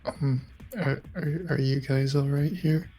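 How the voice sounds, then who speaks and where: A man's voice: medium pitch, steady tone, unhurried, warm tone, soft background music, poor audio. A man playing a tabletop game in casual role-play chat, hesitant and stammering.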